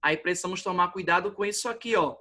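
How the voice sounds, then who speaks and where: A man's voice: high-pitched, fast talker, sharp tone. A man with a Brazilian accent teaching a grammar lesson, patiently explaining at the board and often checking that students follow.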